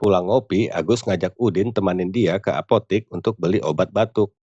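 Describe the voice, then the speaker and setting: A man narrating short comic stories in a plain, lively storytelling tone. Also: low-pitched, a little fast, muffled recording, noisy background.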